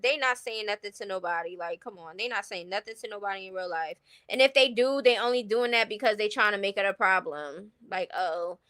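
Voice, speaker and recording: There's a sharp edge to this woman's fairly high voice as she hosts a livestream. A New Yorker with the accent to match, she offers slangy, blunt and opinionated commentary on gossip in a casual chat.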